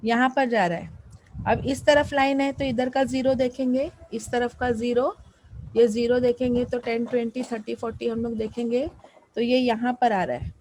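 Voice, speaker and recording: A woman's voice: on the high side, fairly even intonation, moderate pace, darkish tone, a little hiss or hum, poor audio. A woman math teacher explaining a lesson, patiently repeating questions and prompting students to answer.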